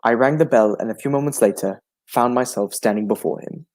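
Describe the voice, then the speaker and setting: Playing a kindly older gentleman doctor in a radio drama styled after the 1940s, a man tells his story in a warm, old-fashioned, hospitable way. His voice sounds natural, medium in pitch and a little fast.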